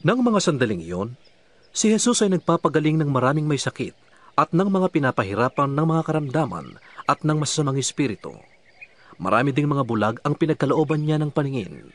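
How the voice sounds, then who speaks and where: A man's voice: on the high side, very animated, a little fast. A man reading a Bible narration, telling the story steadily. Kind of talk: scripted narration. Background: music.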